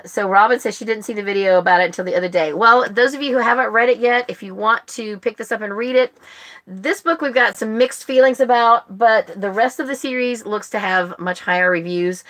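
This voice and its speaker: On a live stream for her book club, this American host rambles through a casual chat with her online viewers. She's from the United States, and her slightly high voice carries a bit of brightness.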